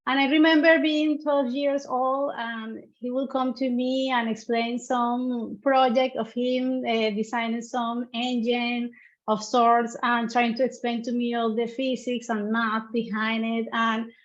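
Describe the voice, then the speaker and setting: Woman, fairly high voice, earnest, hesitant fillers, muffled lo-fi audio. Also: level tone, unhurried. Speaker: front-end software engineer. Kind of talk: casual panel interview.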